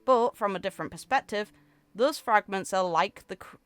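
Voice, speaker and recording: This woman, a gaming creator, gives an expressive reading of a character's lore with relaxed commentary. Her medium-pitched voice is a bit bright, clear and resonant, moving at normal speed without echo, over background music.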